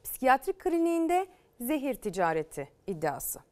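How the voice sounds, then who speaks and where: A woman's voice: high-pitched, sing-song, normal speed, slight background noise. A woman presenting a weekend morning news show, reading out viewer messages and commenting on them. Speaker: news anchor.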